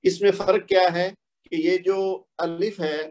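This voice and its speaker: A man's voice: high-pitched, steady tone, a little mellow, poor audio. A man teaching a lesson, patiently spelling out letters one by one and repeating them. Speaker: Quranic Arabic teacher. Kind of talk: explanatory lesson.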